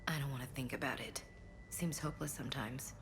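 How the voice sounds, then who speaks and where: An actress playing an earnest, proud and grieving female soldier in a video game, with a slightly gravelly voice. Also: a bass voice, a little fast, noisy background. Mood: quiet, grieving. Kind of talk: video game dialogue acting.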